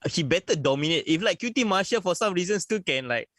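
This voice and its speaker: A man's voice: sits high, animated, quick pace, fairly bright tone, no echo. A young man with a Singaporean English accent, co-hosting a wrestling podcast with blunt, opinionated remarks and frequent laughs. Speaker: podcast co-host. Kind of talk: casual wrestling podcast chat.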